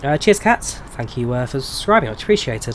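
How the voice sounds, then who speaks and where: A man in his twenties from England, with an English accent and a mid-range voice, talks a little fast as he streams flight sims. He chats casually with viewers and answers their questions in a relaxed way, with frequent ums. There's a little hiss or hum in the audio.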